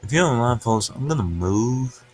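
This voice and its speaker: Here a weather livestreamer with a mid-range, animated voice talks at normal speed, chatting loosely about the weather into a webcam from upstairs at home. He walks through what's on his screen unscripted, over heavy background noise.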